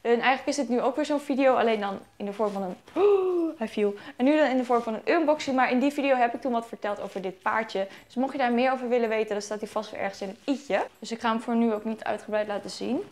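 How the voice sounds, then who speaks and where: A woman's voice: fairly high pitch, quick pace, few pauses. A young woman vlogger chatting casually as she unboxes toy horses at home, correcting herself and giggling now and then. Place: at home in sunlight.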